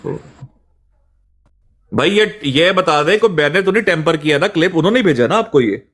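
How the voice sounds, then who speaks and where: A man's voice: on the high side, animated, normal speed, fairly bright tone. Angry man hosting a heated debate. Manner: angry, accusatory, lecturing. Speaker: host reviewing clips. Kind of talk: heated religious debate stream.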